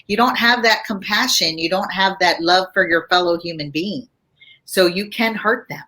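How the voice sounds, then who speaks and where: A woman therapist, a guest on a chat show, explaining things calmly in a teaching tone. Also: on the low side, normal speed. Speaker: marriage and family therapist guest. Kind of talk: casual advice chat.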